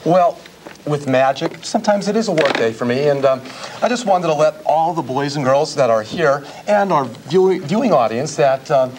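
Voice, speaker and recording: A man, a guest magician and teacher, chatting to children in a television studio with halting, hesitant phrasing. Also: a little high, lively intonation, darkish tone, a little hiss or hum. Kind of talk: interview chat aimed at children.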